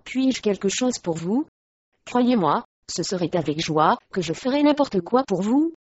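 A woman's voice: mid-range voice, lively intonation, a little slow, breathy edge, no room sound, muffled recording. A woman reading the lines of a nobleman in a storybook, speaking firmly and earnestly. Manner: sharp, then earnest. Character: irritable nobleman, tender with his wife.

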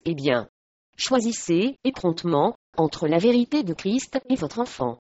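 A woman's voice: lowish voice, sing-song, measured pace, a little mellow, dry recording, voice pushed down. A woman reading the part of a wrathful, stern male archbishop, speaking harshly and commandingly. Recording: dry, slightly muffled recording.

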